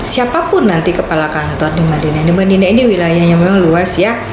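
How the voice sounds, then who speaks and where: A woman in her fifties from Medan, the head of a land office, telling her story as a guest in a casual podcast interview in a lively, proud way. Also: a little fast. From Medan, Indonesia. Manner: animated, with big pitch swings and a proud tone. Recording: echoey room with background noise.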